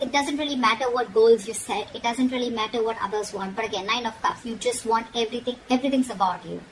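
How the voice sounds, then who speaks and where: A woman with a fairly high voice gives a frank, informal tarot reading aimed directly at the listener, checking in often as she admonishes. The recording is low-quality and has noticeable background noise.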